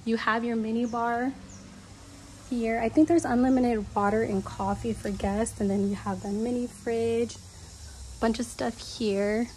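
A young woman with a fairly high voice gushes her way through a casual room tour, recorded on a handheld phone. A steady layer of background noise sits under her voice as she moves from room to room and out onto an open terrace. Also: measured pace. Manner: gushing, enthusiastic. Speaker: travel vlogger. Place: villa rooms and outdoor terrace. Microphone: handheld phone camera.

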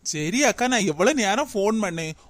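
A man's voice: high-pitched, lively intonation, normal speed, dry recording. A man voicing a fussing young married daughter in a cartoon. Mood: complaining. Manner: complaining, fussing. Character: young married woman Chittu, worried daughter. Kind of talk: cartoon voice acting.

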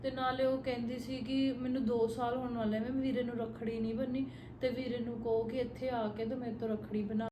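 A woman's voice: a little high, flat delivery, brisk, dark tone, echoey room, a little hiss or hum, low-quality recording. A woman in an amateur short-film drama, speaking in a coaxing, affectionate, teasing way. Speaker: sister-in-law in a short film.

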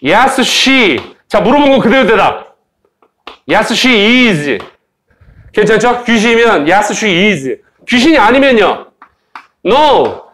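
A man teaching an English grammar lesson in Korean, playful and joking with students, slowly modeling English phrases for them to repeat. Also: high-pitched, big pitch swings, a bit bright. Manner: playful, joking, teasing students, sound effects. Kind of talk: lively recorded grammar lecture.

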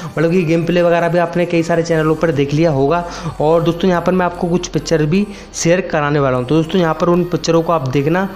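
Here a young gaming YouTuber, his voice a little high and darkish in tone, narrates a casual update against background music, greeting viewers as friends and repeating himself.

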